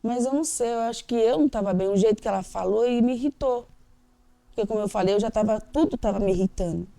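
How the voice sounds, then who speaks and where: A woman's voice: fairly high pitch, fast talker, gravelly, warm tone. A Brazilian Portuguese-speaking woman giving an emotional, candid personal testimony in an interview, acting out the dialogue she quotes.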